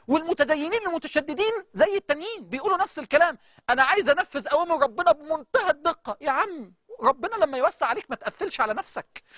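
A man's voice: extremely high pitch, a bit bright, no echo, studio quality. A man preaching in Egyptian Arabic, telling a story with dramatic recitation of verses. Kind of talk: lively religious talk.

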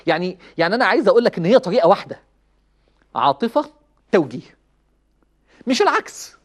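With rapid-fire delivery and a high voice, a preacher with an Egyptian Arabic accent gives a spirited religious talk. He narrates stories, laughs softly, and performs the lines he quotes.

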